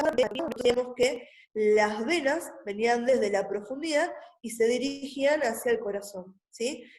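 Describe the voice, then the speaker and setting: A woman's voice: on the high side, a little mellow, reverberant, rough recording. A woman giving an online anatomy lecture, patiently checking in with her students again and again. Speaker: anatomy teacher. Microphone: computer mic on a video call.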